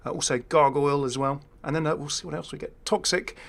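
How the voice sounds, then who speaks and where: Speaking fast in a fairly bright, higher-pitched voice with a steady tone and some vocal fry, this YouTube gaming creator chats about a game update. His commentary is casual and eager, and he's easily amused.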